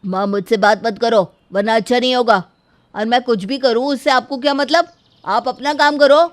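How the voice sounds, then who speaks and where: A woman's voice: fairly high pitch, normal speed, lightly acted. A woman voicing a rude, defiant young son in a cartoon story.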